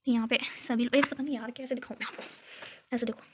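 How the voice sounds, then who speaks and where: A woman's voice: a little high, fairly even intonation, quick pace, noisy background. A young woman from Uttarakhand, chatting and giggling as she shows viewers a photo album, filmed on her phone at home. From Uttarakhand, India. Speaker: vlogger. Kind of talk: casual chat showing a photo album. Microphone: phone camera.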